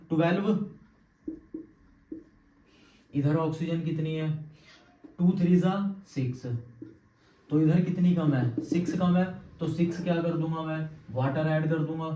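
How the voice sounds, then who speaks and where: Male chemistry teacher, highish mellow voice, asks and answers his own questions, distant muffled echoey room. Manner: quizzes students with constant checks like "clear?". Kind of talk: classroom lecture at a board. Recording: echoey room, distant mic, dull sound.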